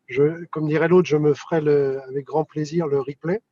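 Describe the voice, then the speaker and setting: A man's voice: a little high, fairly even intonation, moderate pace, no room sound, highs cut off. A man taking part in a discussion over a video call, speaking hesitantly with many fillers and restarts. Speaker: conference participant on a video call. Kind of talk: casual discussion. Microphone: video call connection.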